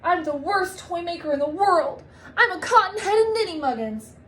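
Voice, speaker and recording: A woman's voice: extremely high pitch, animated, moderate pace, a bit bright, a little hiss or hum, pitched above the performer's own voice. A woman voicing a naive, earnest grown man raised as a Christmas elf in a storybook, exclaiming in a childlike, dramatic way. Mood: self-pitying.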